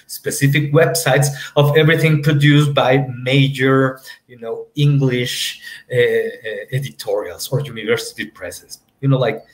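Moderating an academic panel discussion by video call from a home room, this man in his 30s speaks English at mid pitch. He's from Mexico, a native Spanish speaker, and he wanders through his points with many fillers and a reliance on "you know." The audio is roomy and echoey.

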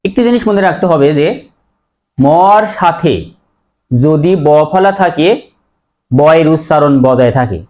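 A man teaching a pronunciation lesson, explaining rules step by step and repeating each word slowly. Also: fairly high pitch, lively intonation, a little mellow.

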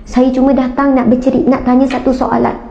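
A woman's voice: sits high, little pitch movement, brisk, vocal fry, dark tone, lo-fi sound. A humble, devout young mother, as a woman quotes her. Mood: earnest. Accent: Malaysian Malay. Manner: humble, earnest, pleading.

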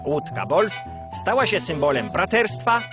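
A man narrates a scripted mock-propaganda piece in the style of an old communist-era newsreel, grandiose, solemn and rousing. His voice is on the high side, sing-song and a little slow. The sound is dull and lo-fi beneath loud music.

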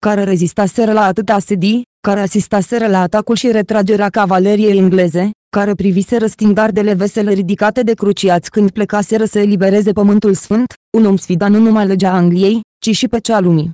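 Mellow-voiced audiobook narrator. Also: mid-range voice, steady tone, few pauses, no echo, clean studio sound. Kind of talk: scripted narration.

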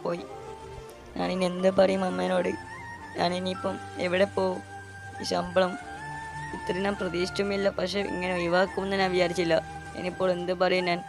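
A man's voice: high-pitched, completely flat delivery, moderate pace, creaky, pauses often, over music. A young man voicing a pleading, fired worker. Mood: distraught. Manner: pleading, close to tears. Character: young man just fired, anxious and desperate. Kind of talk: amateur Malayalam dub of a game short film.

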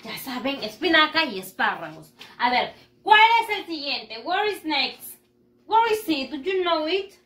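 A primary school English teacher runs a bilingual online lesson for children, her high, bright voice very animated. She speaks slowly and patiently, exaggerating pronunciation by stretching each word and praising often, with a roomy echo around her.

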